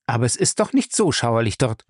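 A man reading aloud and voicing a frightened but sharp-tongued young wife in a raised, agitated voice. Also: mid-range voice, very animated, a little fast, husky, no echo, studio quality. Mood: frightened defiant.

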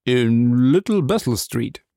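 A man voicing a smooth-talking, evasive male bar owner in an audiobook, lifting his voice higher and giving it a changed tone. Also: animated, takes it slowly, mellow, no echo, studio quality.

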